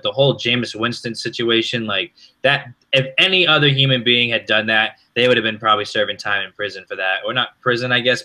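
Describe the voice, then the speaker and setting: Bright-voiced young man chatting casually. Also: on the low side. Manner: animated, rambling with restarts. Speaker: podcast co-host. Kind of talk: casual chat.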